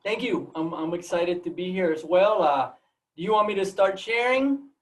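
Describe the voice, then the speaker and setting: Speaking from Puerto Rico on a video call, a biology professor gives an informal guest seminar, telling it like a story and often repeating words. He is a native Spanish speaker with a Puerto Rican accent, and his expressive voice sits high at a normal speed, picked up by a distant mic.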